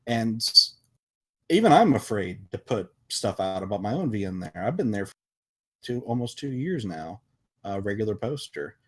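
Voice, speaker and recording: This fairly low, very animated male voice moves at a moderate pace and sounds a little mellow and husky, captured in a rough recording. He's a visual novel developer sitting on a podcast panel, speaking casually and emphatically with frequent sentence restarts.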